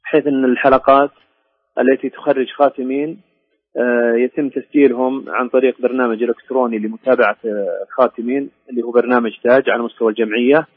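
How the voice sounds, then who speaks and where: A man's voice: medium pitch, fairly even intonation, fast talker, slightly rough, dry recording. A man speaking formally and courteously as an interview guest, over a tinny phone line. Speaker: interview guest, education department director.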